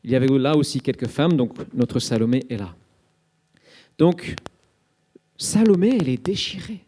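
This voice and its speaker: A man's voice: mid-range voice, expressive, normal speed, mellow. Man preaching in vivid storytelling. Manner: vivid storytelling, dramatizing the scenes; frequent fillers like "hein" and "euh". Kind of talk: Easter sermon told as a story.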